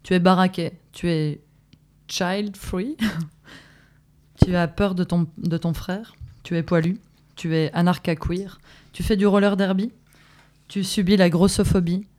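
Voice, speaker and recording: A woman with a fairly low voice reads a text aloud on community radio. She takes it slowly and evenly, one line after another, like an activist guest. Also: steady tone, darkish tone. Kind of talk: casual radio chat and reading a text aloud.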